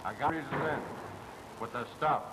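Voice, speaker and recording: A man's voice: a little high, a little slow, natural voice. An actor playing a blunt, streetwise male fence who talks in tough slang. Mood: conspiratorial. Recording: hissy old film soundtrack with long reverb.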